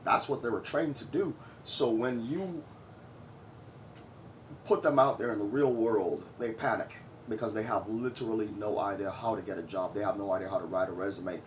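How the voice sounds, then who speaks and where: A vlogger in his forties from Trinidad and Tobago speaks directly to camera in a fairly low voice at normal speed, with slight background noise. His opinionated commentary is blunt and boastful, lecturing the viewer with no patience for anyone's feelings.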